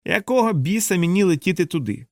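A man's voice: sits high, big pitch swings, fast talker, gravelly, darkish tone, dry recording, pitched above the performer's own voice, full character voice. A man voicing a brash, wealthy man who protests with scornful questions in a dry, close audiobook recording. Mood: indignant.

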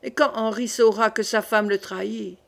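A woman's voice: a little high, steady tone, normal speed, vocal fry, fairly bright tone. A woman voicing a jealous, resentful young prince in an audiobook reading. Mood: bitter.

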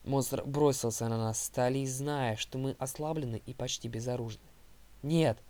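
A man narrating an audiobook in a steady, first-person storytelling manner. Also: mid-range voice, normal speed.

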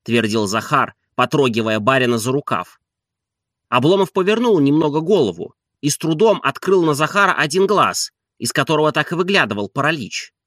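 A man reading a novel as an expressive audiobook narrator. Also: a little high, fairly quick, dry recording, studio quality. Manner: expressive storytelling.

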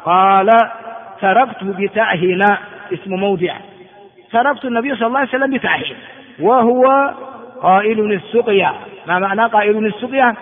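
A man from Ethiopia teaching a religious lesson, reading a text aloud and explaining it phrase by phrase, often repeating himself and filling pauses. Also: high-pitched. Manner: explanatory, repeats and glosses phrases, frequent filler words. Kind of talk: classroom lecture explaining hadith text. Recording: tinny lo-fi recording with long hall reverb.

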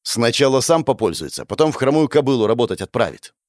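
A man voicing a gruff older youth who leads a street gang, curt and grumbling. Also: medium pitch, big pitch swings, fast talker, a little mellow, no room sound, studio quality, close to an everyday voice. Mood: angry.

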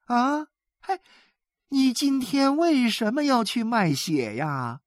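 A woman's voice: on the high side, lively intonation, slow pace, no echo, clean studio sound, pitched above the performer's own voice. A woman doing a fierce, protective storybook wife. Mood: worried. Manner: scolding, emphatic.

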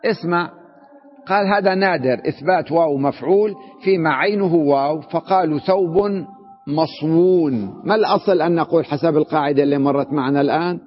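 A man teaching a grammar lesson, who poses questions to his class, answers them himself and repeats each word slowly. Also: on the high side. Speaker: sheikh teaching Arabic grammar. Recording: dull lo-fi recording with long reverb in a hall.

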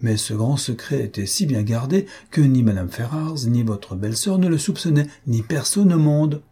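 A fussy, self-important older woman rattles off her gossip with excited exclamations, read by a man lifting his voice. The tone stays dark and mellow. It is deeply husky underneath. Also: moderate pace. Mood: gossipy.

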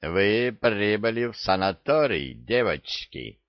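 A mocking male drill sergeant, put on by a male reader barks scornful orders in a low, drawn-out voice. His contempt for the recruits shows in every clipped command. The audiobook recording is dry and dull, lacking highs. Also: expressive, no room sound. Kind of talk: audiobook character voice.

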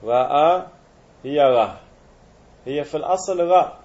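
A man's voice: a little high, animated, moderate pace, darkish tone, lo-fi sound. Male teacher quizzing his class. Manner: explains step by step, quizzing students. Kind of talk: Arabic grammar lesson.

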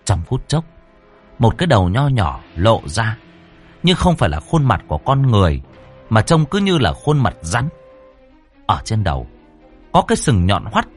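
A man's voice: fairly low pitch, wildly swooping pitch, normal speed, pauses often, soft background music. A man reading a ghost story aloud with a dramatic, swooping delivery.

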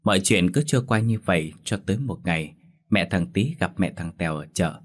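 A man narrating a ghost story in a slow, dramatic manner. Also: sits low, expressive.

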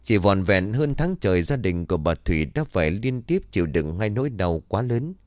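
A male storyteller reading a scripted horror story. His voice is low and even, recorded close and dry with no room sound. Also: normal speed, no echo.

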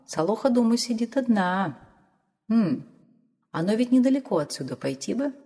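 A woman's voice: fairly high pitch, very animated, normal speed, warm tone. A woman voicing a sly, cowardly older village man who mutters indignantly to himself. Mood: grumbling. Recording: long hall reverb.

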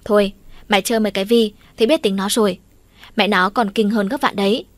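A sharp-tongued mother who scolds at every turn, voiced by a woman reading an audiobook. Her voice is loud and gruff, full of curses and quick retorts. It is recorded dry and close, with no room sound. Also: mid-range voice, fairly even intonation, no room sound, lightly acted. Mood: scolding. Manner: gruff, cursing, snapping.

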